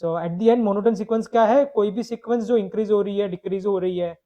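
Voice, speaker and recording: Mellow-voiced man teaching math. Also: high-pitched, normal speed, dull audio. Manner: explains step by step, asks questions and answers them; mixes English phrases into his explanation. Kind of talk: live online math lecture.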